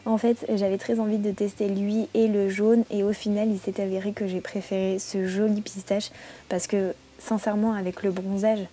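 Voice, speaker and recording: A woman vlogger chatting casually in her bedroom while reviewing products, relaxed and chatty with frequent hesitations. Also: medium pitch, slight background noise. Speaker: beauty vlogger.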